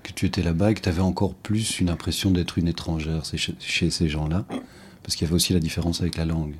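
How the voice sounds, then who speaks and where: A man conducts a one-on-one interview. His voice sits very low, and he asks gentle, probing follow-up questions at a quick clip. A faint hum of room noise sits behind him. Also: fairly even intonation.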